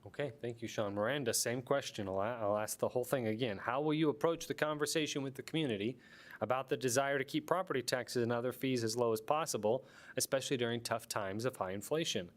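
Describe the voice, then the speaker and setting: A man's voice: medium pitch, quick pace. A man moderating a candidate forum, reading out questions and voting reminders with a few fillers. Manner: reads questions and announcements with fillers.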